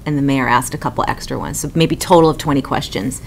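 A woman's voice: extremely low pitch, fast talker, a little hiss or hum. A woman on a city committee explaining procedure step by step in a meeting in a conference room. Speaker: city council member on a committee. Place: conference room around a large table.

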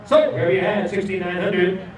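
Man, auctioneer, bright high register, quick repeating bid chant, far off in a loud crowd. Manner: rapid repeating bid calls. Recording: distant echoey crowded auction.

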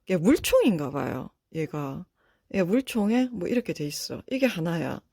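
Chatty woman, lively pitch. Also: moderate pace, gravelly, dry recording. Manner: chatty, exclaims often, laughs, talks to herself. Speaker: vlogger unboxing figures. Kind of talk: casual unboxing chat.

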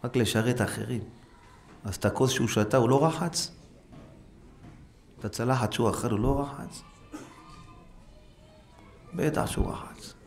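A rabbi giving an animated Torah lesson, exhorting his listeners with repeated rhetorical questions and acting out quoted voices. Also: long pauses, faint music behind. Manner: animated, acts out quoted voices with sharp pitch jumps. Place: synagogue hall. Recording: faint background noise, live stream.

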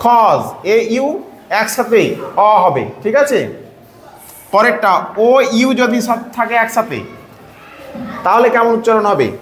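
A man teaching a phonics lesson to pupils, patiently repeating sounds slowly and quizzing them. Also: extremely high pitch, fairly bright tone. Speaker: English teacher. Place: echoey classroom with pupils. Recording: echoey room, faint background noise.

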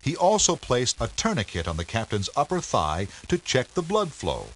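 A man giving measured, scripted storybook narration for an educational game. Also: mid-range voice, wildly swooping pitch.

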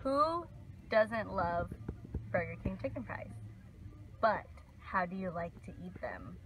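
Speaking slowly with an animated, lowish voice, a twenties vlogger talks playfully to her arm's-length phone. The noisy handheld recording moves between small indoor rooms and a parked car.

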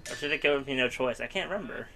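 A man's voice: mid-range voice, racing, creaky, music in the background. Young man, gaming commentary, rambling, self-mocking, casual chat. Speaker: gaming YouTuber. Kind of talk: casual let's-play commentary.

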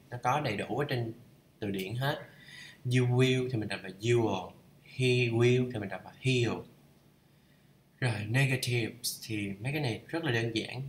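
A man's voice: mid-range voice, a bit bright, echoey room, slight background noise. A man teaching English, reading a lesson aloud and patiently repeating each pronunciation. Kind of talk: bilingual lesson read-through.

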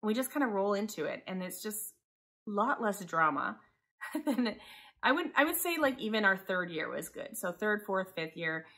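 A Taiwanese homeschooling mother in her forties talks in a casual, rambling vlog style from her living room, seated by a window. Her medium-pitched voice is bright and sing-song, with a forceful tone and moderate pace.

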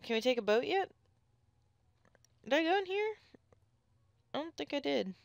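A woman giving chatty, excitable commentary on her own gameplay into a close mic, with sudden squeals when something catches her eye. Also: high voice, normal speed, vocal fry, dry recording. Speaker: let's play gamer.

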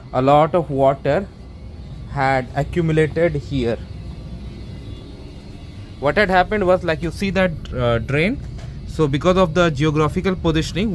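A man casually narrating a walkthrough of his basement renovation, rambling with many fillers and restarts, filmed on a handheld camera. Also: fairly high pitch. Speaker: homeowner vlogger. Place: unfinished basement, later outdoors in a stairwell. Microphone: handheld or body camera, first-person view.

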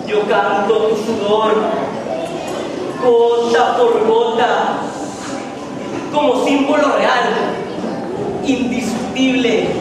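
Young guy reciting poetry super theatrical like a hammy stage actor, slow w big pauses, really echoey hall. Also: very high voice. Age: teenager or young adult. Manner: hammy stage-actor delivery, solemn, emphatic, with long dramatic pauses. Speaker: contestant in a poetry declamation contest. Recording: echoey hall from far off, noisy.

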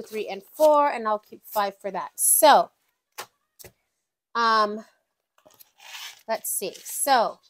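A woman's voice: on the high side, fairly bright tone, a little hiss or hum. Chatty woman counting cash aloud. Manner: chatty, counts bills aloud and talks to her savings binders. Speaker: budgeting vlogger. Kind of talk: casual chat while counting cash.

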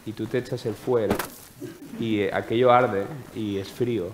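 A man's voice: on the low side, steady tone, a little slow, noisy background. A man improvising an absurd comic monologue, rambling, swearing often and trailing into restarts. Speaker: comedian. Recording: echoey live venue with a loud crowd. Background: crowd laughter and ambience.

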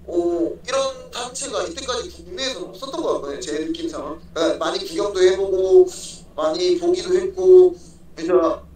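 Young male fighter, interviewee. High voice, polite and halting, repeats himself. Echoey, distant phone audio. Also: a little mellow. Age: young adult. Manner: polite, halting, often repeats his own phrases. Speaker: MMA fighter being interviewed. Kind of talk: casual remote interview answers. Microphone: phone at arm's length, video call. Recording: echoey room, far-off mic, faint noise.

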